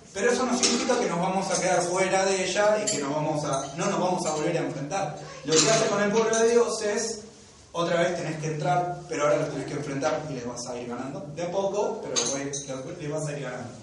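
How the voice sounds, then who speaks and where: A man's voice: high voice, reverberant, recorded from a distance, noisy background. A man with a Rioplatense accent teaching a Bible lesson in a classroom, talking conversationally and often checking in with "¿sí?" and "¿no?". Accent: Rioplatense Spanish. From Argentina.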